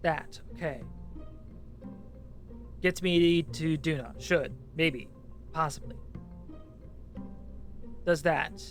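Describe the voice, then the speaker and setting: This man's voice sits fairly high, and he speaks extremely slowly with long pauses while music plays faintly underneath. Streaming a game with a co-host, he relaxedly narrates every move under his breath, cursing now and then.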